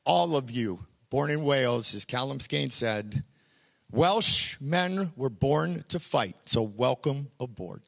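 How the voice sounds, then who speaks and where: A man's voice: medium pitch, animated, takes it slowly, vocal fry, dry recording, studio quality. A man hosting a fight promotion interview, enthusiastic and promotional in manner. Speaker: commentator and host. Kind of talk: event hype interview. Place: indoor arena venue.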